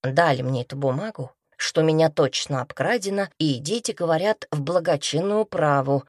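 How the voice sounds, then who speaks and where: A woman's voice: sits low, moderate pace, no echo, clean studio sound. A woman performing a first-person folk tale aloud in a chatty, folksy storyteller's manner, acting out the quoted voices. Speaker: reader.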